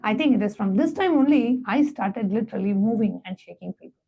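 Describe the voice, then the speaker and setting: A woman presenting a devotional satsang, reading a story aloud and then giving step-by-step guided instructions in a measured, reverent way. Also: medium pitch, animated, gravelly, husky, muffled recording.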